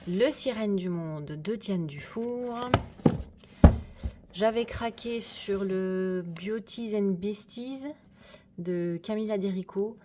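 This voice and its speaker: A woman's voice: mid-range voice, slow, noisy background. A woman chatting casually through a tour of her coloring corner, hesitant and friendly. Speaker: coloring hobby vlogger. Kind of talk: casual room tour chat.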